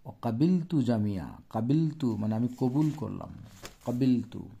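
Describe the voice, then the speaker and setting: A man with a Bangladeshi Bengali accent teaching a textbook lesson to young pupils on a phone, explaining terms slowly and checking often that they follow. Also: medium pitch, lively intonation, creaky, mellow, breathy edge.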